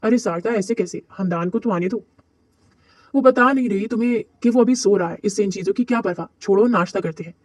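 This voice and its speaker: A man voicing a stern middle-aged mother-in-law who speaks in a sharp, scolding way. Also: mid-range voice, a little fast, no room sound, natural voice. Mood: annoyed.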